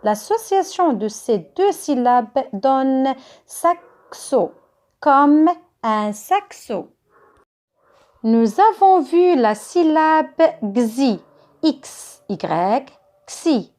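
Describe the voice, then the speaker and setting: A woman's voice: high-pitched, sing-song, extremely slow, warm tone. A woman teaching a phonics reading lesson to young children, spelling letters and syllables out carefully, with a Moroccan French accent. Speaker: kindergarten teacher.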